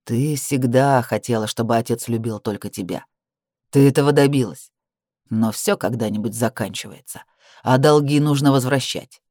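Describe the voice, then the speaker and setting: A woman voicing a cruel young man threatening his stepsister in a slow, low, contemptuous voice. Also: dark tone, dry recording, clean studio sound. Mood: cold menace. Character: menacing young man, cold cruel stepbrother.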